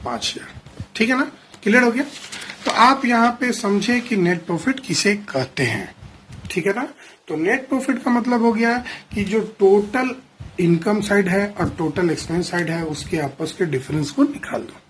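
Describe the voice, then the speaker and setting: A male teacher giving a classroom accounting lecture. He explains step by step, calls the students "children", checks often whether they follow, and reads definitions out slowly. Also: high-pitched, lively intonation, slight background noise.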